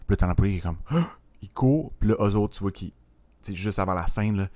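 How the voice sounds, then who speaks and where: A young man with a Quebec French accent, co-hosting a casual film podcast, animated and full of fillers, dropping in English words. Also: deep voice, racing, no echo. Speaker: podcast co-host.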